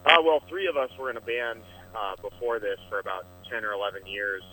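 A man from Iowa calling in over the phone as a band's guest, answering casually with frequent hesitant pauses. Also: lowish voice, sharp tone, rough recording. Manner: hesitant, many filler pauses. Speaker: band member, phone-in guest.

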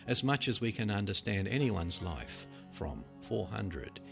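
A man reading written articles aloud as scripted narration, with measured, dramatic phrasing that drops at sentence ends. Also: on the low side, very animated, gravelly. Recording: loud music behind the voice. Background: music.

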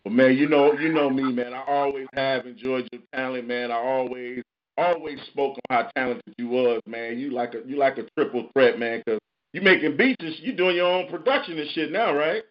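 A man's voice: medium pitch, fairly even intonation, fairly quick, lo-fi sound. A man hosting a casual call-in show, talking in laid-back, profane slang. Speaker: radio show host.

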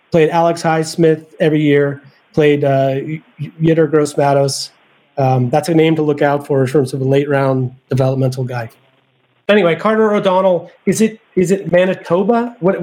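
Man, somewhat high voice, casual podcast talk, thinks aloud, sizing up players. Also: moderate pace, darkish tone. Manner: thinks aloud, weighing prospects. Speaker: podcast panelist. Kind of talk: casual sports podcast chat.

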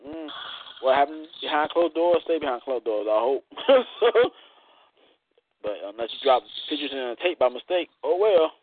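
A man's voice: on the high side, expressive, moderate pace, no echo. Playful radio host man on a tinny line. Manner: loud, playful, drawling, lots of "y'all". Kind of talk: casual live radio banter.

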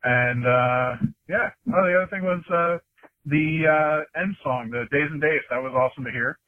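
A man leaving a casual voicemail from his car, played back over a phone line, loose and halting with many filler pauses. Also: fairly high pitch, dry recording. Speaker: voicemail caller. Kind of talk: casual chat.

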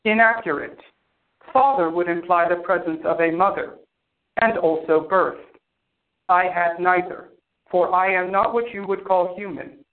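A man's voice: sits high, fairly even intonation, unhurried. A man voicing a cold, formal male artificial intelligence that speaks precisely and without emotion. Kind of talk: audio drama acting. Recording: tinny phone-like sound.

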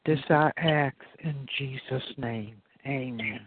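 A man's voice: mid-range voice, slow, slightly rough, dry recording. A man leading an earnest opening prayer, often repeating "Father God". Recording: tinny phone line.

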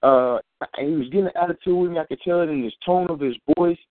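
He talks quickly in a voice on the high side, recorded dry with a tinny, phone-like sound. Sharing his faith testimony as a preacher, he's earnest and informal, frequently restarting and repeating phrases.

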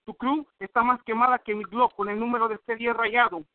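A man's voice: very high-pitched, little pitch movement, a little fast, no echo. A man from Northern California spitting boastful, aggressive insult rhymes in a rap battle over the phone. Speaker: battle rapper. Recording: tinny dry phone line.

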